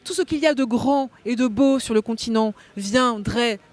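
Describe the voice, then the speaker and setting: She is a woman raised in France after being born in Belgium, appearing as a guest philosopher on a cultural talk show in a hotel meeting room. Her voice is on the high side and she keeps a moderate pace. She explains concepts at length, articulate and academic.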